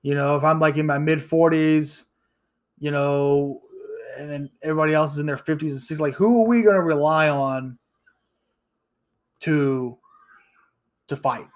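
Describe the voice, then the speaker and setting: A man's voice: on the high side, fairly even intonation, normal speed, long pauses. A man in his thirties hosting a solo podcast, ranting bluntly and profanely with frequent restarts and stumbles. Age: 30s. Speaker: podcast host.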